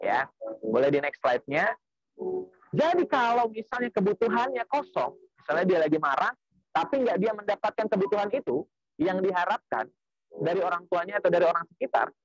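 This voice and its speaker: A man's voice: fairly high pitch, highs cut off. A man giving a parenting seminar lecture, explaining patiently with many small tag asides and religious phrases.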